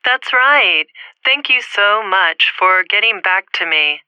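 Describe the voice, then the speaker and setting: A woman speaking slowly and clearly in a scripted phone dialogue, heard over a landline phone. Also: medium pitch, animated, pushed and bright, dry recording, heavily acted. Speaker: voice actor in a listening exercise. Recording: muffled phone-line sound.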